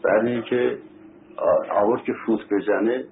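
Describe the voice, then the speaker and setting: A man's voice: medium pitch, vocal fry. A man preaching a sermon as a story, repeating phrases for emphasis, asking his listeners rhetorical questions and reciting Arabic scripture. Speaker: religious preacher. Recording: tinny phone-like recording with faint hiss.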